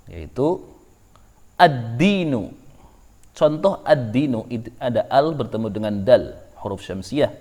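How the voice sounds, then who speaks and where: Slow, patient man teaching. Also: medium pitch, dark tone. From Indonesia. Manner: slow, patient, repeats each rule. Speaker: Quran recitation teacher. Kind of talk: tajwid lesson.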